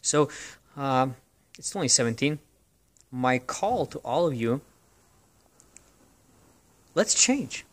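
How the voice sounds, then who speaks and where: A man's voice: mid-range voice, big pitch swings, slow, long pauses. Male preacher, mid-range voice, earnest exhorting devotional talk. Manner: earnest, exhorting, repeats phrases for emphasis. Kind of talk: short devotional talk to camera.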